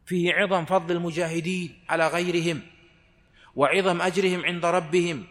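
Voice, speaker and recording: A man giving a measured religious lesson, reciting verses slowly and explaining them with steady deliberation. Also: fairly high pitch. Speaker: Islamic scholar giving Quran commentary. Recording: long hall reverb.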